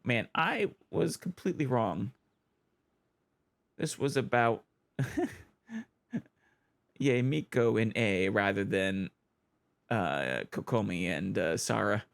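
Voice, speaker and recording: A man's voice: fairly low pitch, expressive, slow, creaky, pauses often. A man hosting a let's play, thinking aloud in casual commentary with hesitant fillers over game music.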